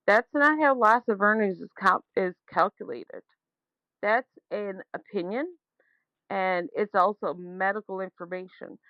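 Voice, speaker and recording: A woman's voice: mid-range voice, measured pace, no room sound. A woman leaving a voicemail, airing a grievance in an indignant, insistent, emphatic and argumentative way. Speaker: caller leaving a complaint. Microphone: telephone. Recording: muffled, dull voicemail recording.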